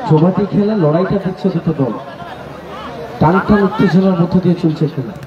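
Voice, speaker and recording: High-pitched, emphatic male football announcer. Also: brisk. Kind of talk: tournament announcements and commentary. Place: outdoor football ground with crowd. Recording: muffled echoey distant PA, crowd noise.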